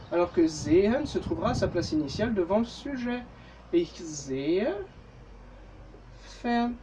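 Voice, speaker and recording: A man's voice: high-pitched, noisy background. A man with a French accent giving a casual, jokey language lesson, full of fillers and self-corrections. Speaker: German teacher.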